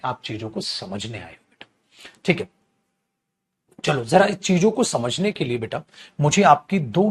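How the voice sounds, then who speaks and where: A man with a Hindi accent gives an English grammar class online at a slow pace, asking questions and then answering them on his own. His voice is pitched in the middle range.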